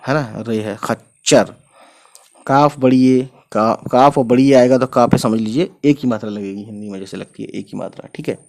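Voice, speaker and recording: Man, teacher, reading lesson, spells letters aloud, slow deliberate reading, patient, checks in often. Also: medium pitch. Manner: spells letters aloud, then reads each word slowly. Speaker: Urdu teacher.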